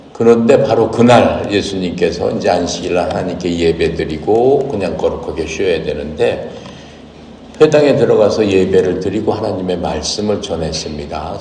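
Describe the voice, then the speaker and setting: A low-voiced man reads scripture and then explains it in a teaching sermon, putting questions to his listeners. He sounds set back from the mic in a large echoing hall with a long tail of reverb. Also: a little mellow, a little hiss or hum. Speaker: pastor. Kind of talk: Bible reading and sermon. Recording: echoey hall, voice from far off.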